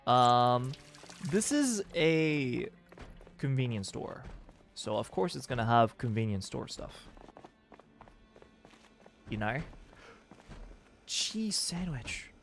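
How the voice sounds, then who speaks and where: A man's voice: medium pitch, expressive, takes it slowly, creaky, pauses often, soft background music. A man streaming a game, chatting casually to viewers and exclaiming over the items he finds. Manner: chatty, exclaims at found items, teases chat. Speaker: livestreamer. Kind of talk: casual gameplay commentary.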